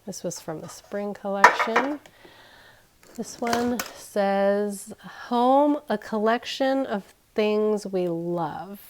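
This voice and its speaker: Slowly and in a mid-range voice, a thirty-something woman unboxes things indoors at home, the camera aimed down at the items on the carpet with her out of frame. Nasal and crackly as she gets over an illness, she keeps up casual, self-deprecating chatter and thinks aloud.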